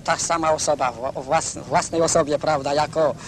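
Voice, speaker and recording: High-voiced man in 1970s newsreel audio. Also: steady tone, moderate pace, background noise. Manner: rambling, fills with "prawda", restarts often. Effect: 1970s newsreel sound recording. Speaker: interviewee. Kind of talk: casual spoken account.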